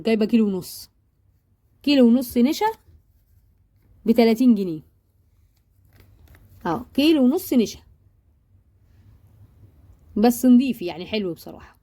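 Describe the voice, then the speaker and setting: A woman's voice: on the high side, expressive, moderate pace, long pauses, mellow. A woman with an Egyptian accent, chatting to viewers as a baking vlogger, joking while she shows off her purchases. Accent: Egyptian Arabic. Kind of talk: casual chat to viewers.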